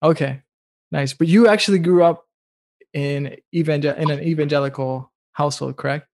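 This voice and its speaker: A young man from the Dominican Republic hosts a podcast with a relaxed, chatty manner, dropping lots of "like" and laughing often. His voice sits fairly high for a man. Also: moderate pace. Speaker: podcast host. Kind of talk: casual podcast conversation.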